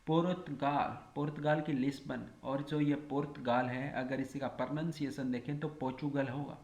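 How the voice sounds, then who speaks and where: A man's voice: mid-range voice, steady tone, moderate pace, gravelly, darkish tone. A man teaching a lesson, drilling each item by asking it as a question and answering it himself. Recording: echoey room.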